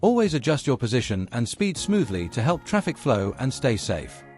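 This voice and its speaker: In this scripted driving lesson, a male narrator talks straight to learners and walks through every point at a measured pace. His medium-pitched voice has a sing-song quality and a darkish tone, with faint music underneath.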